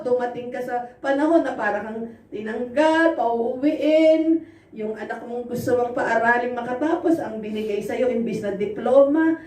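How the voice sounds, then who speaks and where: Woman preacher, very high voice, lively storyteller who laughs through her sermon, heard from afar in an echoing hall. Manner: animated, laughs often, acts out quoted dialogue. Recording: roomy echo, voice from far off.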